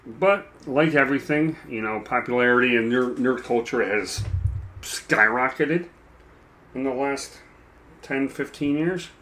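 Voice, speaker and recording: A man chatting casually while he paints a miniature, rambling and self-deprecating, with a dry, froggy throat that he keeps clearing. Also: medium pitch, unhurried, fairly bright tone. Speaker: mini painting streamer.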